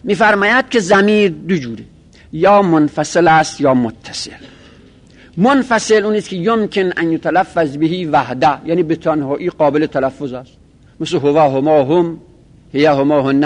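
A man teaching a grammar class, explaining step by step and repeating each example in a list. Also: on the high side. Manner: methodical, repeats examples in lists. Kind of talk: classroom lecture.

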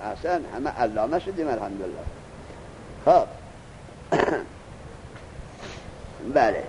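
A man teaching a lesson. He reads the text slowly, explains it, and keeps asking his student questions. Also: medium pitch, very animated, a little mellow, dull audio, slight background noise. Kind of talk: classroom lesson.

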